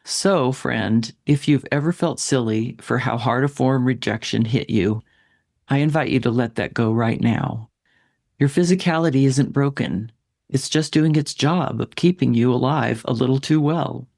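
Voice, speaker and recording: A man hosting a solo podcast as a writing coach, talking to the listener in a gentle, reassuring way. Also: mid-range voice, normal speed, vocal fry, no room sound, clean studio sound.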